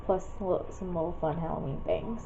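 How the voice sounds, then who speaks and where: This is a chatty vlogger in her thirties, stuffed up from a cold, rambling and frequently laughing as she records her day indoors and then by the front door outside. Her voice is fairly low and mellow, at a normal pace. Dull lo-fi camera sound picks up background noise.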